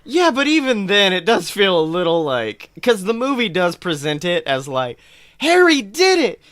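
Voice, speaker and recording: A podcast host whose voice sits high talks at a moderate pace with no echo. He chats casually, then complains about a film in an animated, exasperated, sweary comic rant.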